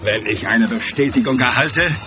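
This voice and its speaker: An actor dubbing a stern, commanding male soldier from the future in a film, speaking gruffly. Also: medium pitch, moderate pace, music in the background, close to an everyday voice. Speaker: time traveller from the future. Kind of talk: film dub. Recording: dull lo-fi film audio with score.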